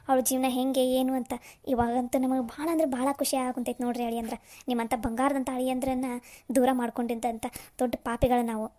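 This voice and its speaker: A woman's voice: high voice, dark tone, close to an everyday voice. Woman doing a grateful older cartoon mother-in-law. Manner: effusive, self-reproaching.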